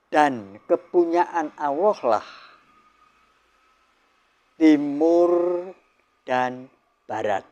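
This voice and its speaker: An older man giving a spiritual sermon in a measured, solemn way, pausing between short phrases. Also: mid-range voice, darkish tone. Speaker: spiritual teacher.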